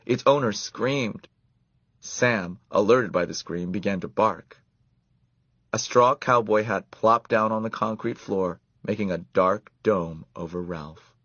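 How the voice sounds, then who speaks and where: A man reading a children's story aloud in an expressive, animated way. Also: fairly low pitch, slow, no room sound. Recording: dull lo-fi dry recording.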